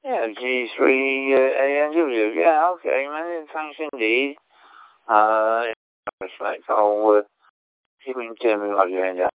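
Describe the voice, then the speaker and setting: A man's voice: mid-range voice, clear, resonant tone, dry recording, narrow, tinny audio. Man on a distorted, clipping radio transmission. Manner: slow and halting, with fillers. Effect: distorted, clipping radio transmission breaking up. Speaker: amateur radio operator calling in. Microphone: transceiver microphone with gain set too high. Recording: thin radio transmission received over the air.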